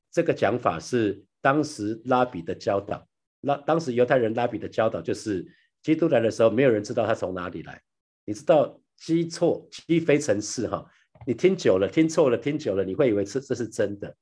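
Guy doing a daily bible devotional, low husky voice, keeps repeating himself and tacking on little 哈s. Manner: repeats phrases, ends lines with soft 哈 and 啊 tags; addresses listeners as brothers and sisters. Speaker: pastor sharing a daily devotional.

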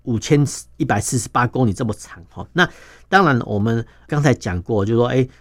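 A man's voice: medium pitch, fairly quick, no echo, studio quality. A male defense journalist with a Taiwanese Mandarin accent, explaining patiently as an interview guest and peppering his sentences with little filler particles. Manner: steady, explaining step by step.

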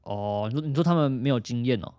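A young man co-hosting a casual podcast chat, telling stories with lively swings in pitch and bursts of laughter, swearing freely. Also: fast, dry recording. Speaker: podcast co-host.

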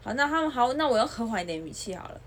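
A young woman speaking with a slightly husky voice. Her pitch swings widely as she vents in an animated, casual chat. She keeps breaking into imitations of other people. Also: very fast. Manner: animated ranting, mimics others. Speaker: podcast co-host.

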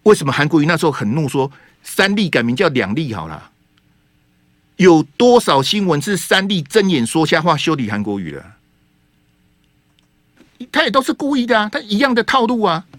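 A man's voice: a little high, sing-song, moderate pace, fairly bright tone, dry recording, studio quality. A man with a Taiwanese Mandarin accent hosting a radio talk show, giving fiery, sarcastic political commentary full of rhetorical questions. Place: radio studio.

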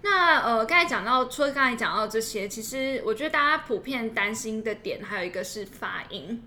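A woman's voice: a little high, lively intonation, a little fast, sharp tone, slight background noise. A young woman with a Taiwanese accent, chatting and explaining in a conversational educational discussion, often posing rhetorical questions. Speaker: podcast co-host.

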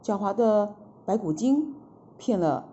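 A woman narrating a children's story in a slow, gentle and expressive way. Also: medium pitch, a little hiss or hum. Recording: slightly dull lo-fi recording.

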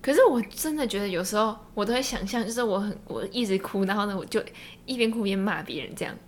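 Young woman co-host, brisk casual talker, light room noise behind. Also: medium pitch, expressive. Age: young adult. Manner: frequent soft murmured agreement. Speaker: podcast co-host. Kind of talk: casual chat.

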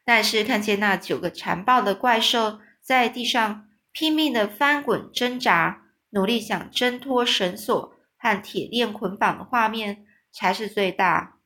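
A woman reading a children's book aloud in episodes, stopping to explain hard words in simple terms, in a relaxed manner with small restarts. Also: medium pitch, unhurried. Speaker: storyteller.

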